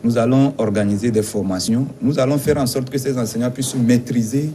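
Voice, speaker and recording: A man from Togo representing a teachers' union, answering interview questions in a measured, insistent way with some hesitations. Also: medium pitch, steady tone, dark tone, a little hiss or hum.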